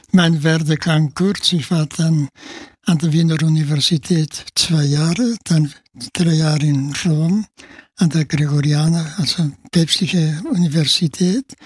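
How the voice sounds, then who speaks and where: A man in his nineties, from Spain, with a Spanish accent, speaking German as a priest guest in a radio interview, halting and peppered with "ja". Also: fairly high pitch, slightly rough, dry recording. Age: 90s. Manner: halting, with frequent filler "ja" and restarts.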